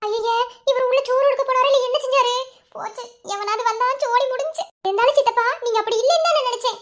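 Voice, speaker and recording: A very high, squeaky village girl, played by a woman, frets and mutters to herself in a cartoon. She speaks with a Madurai Tamil accent and talks in a rapid rush. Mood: worried. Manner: fast, fretful muttering to herself. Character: young village girl, nervous and chatty.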